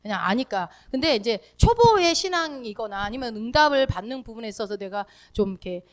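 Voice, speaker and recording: Woman, preacher, sermon, conversational, questions to the congregation, somewhat high voice, very animated pitch. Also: a little fast. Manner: acts out spoken commands in short bursts.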